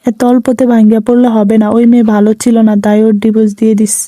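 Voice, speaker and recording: A woman's voice: fairly high pitch, level tone, rapid-fire, mellow, dry recording, close to an everyday voice. A woman voicing a patient mother-in-law who gives soothing advice in a spoken dialect story. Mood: consoling. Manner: soothing, advising.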